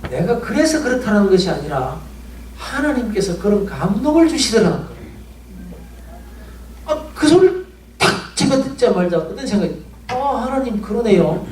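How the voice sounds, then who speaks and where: A man preaches a sermon, telling an emotional story and piling up pleading rhetorical questions. His voice sits high for a man. The sound is roomy and a bit distant, with a faint room ambience behind him. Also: very animated, moderate pace, pauses often, slight background noise. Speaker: pastor.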